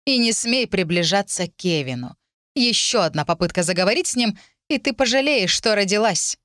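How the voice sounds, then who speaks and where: A woman's voice: medium pitch, animated, normal speed, fairly bright tone, no room sound, clean studio sound, close to an everyday voice. A woman voicing a cruel, scornful noble stepmother who speaks in a cutting, raised voice. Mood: furious.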